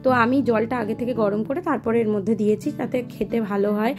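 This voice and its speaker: A young woman from Kolkata talks through her cooking in a loose, chatty way, pausing often on small fillers. Her voice sits a little high, and soft music plays under her talk. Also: steady tone. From Kolkata, West Bengal. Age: young adult. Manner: chatty, explains step by step with many fillers. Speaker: vlogger and mother. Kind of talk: casual cooking and family vlog.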